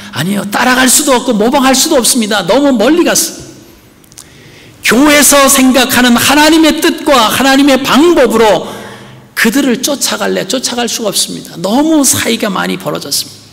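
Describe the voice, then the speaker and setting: A man's voice: very high voice, fairly quick, gravelly, a bit bright. A man preaching a sermon as pastor, earnestly asking the congregation rhetorical questions. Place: church sanctuary. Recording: long church hall reverb.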